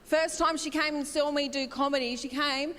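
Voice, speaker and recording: An Australian woman in her thirties performing stand-up comedy on stage, telling brisk family stories. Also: high voice, steady tone, a bit bright. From Wagga Wagga, Australia. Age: 30s. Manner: brisk, storytelling, mimics relatives. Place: comedy stage in a large hall. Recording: live hall with long reverb, faint noise.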